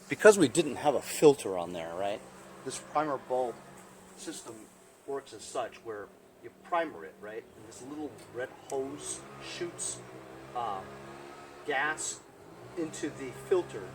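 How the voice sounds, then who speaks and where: A middle-aged man hosting a casual repair video in a sunny backyard, explaining each step in a chatty way and often asking "right?". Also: mid-range voice. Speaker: small-engine repair video host. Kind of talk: casual hands-on repair walkthrough. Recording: outdoor background noise.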